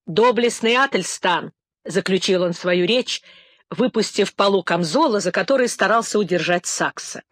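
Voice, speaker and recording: A woman's voice: mid-range voice, moderate pace, no echo. Woman narrating an audiobook, dry sound. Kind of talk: scripted narration of a novel.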